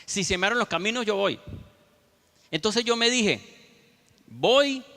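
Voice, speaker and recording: A male pastor preaching a story-driven sermon straight to his congregation. His voice sits high and comes across bright and forceful. The sound rings with a long hall reverb. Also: moderate pace. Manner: storytelling, addresses the congregation as brothers.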